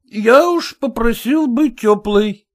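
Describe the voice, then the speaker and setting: A woman voicing a middle-aged male village medic who has been drinking, rambling and defensive in a slow, hesitant way. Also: very high-pitched, animated, full character voice. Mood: tipsy defensive. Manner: rambling, self-justifying, drawn-out hesitant speech.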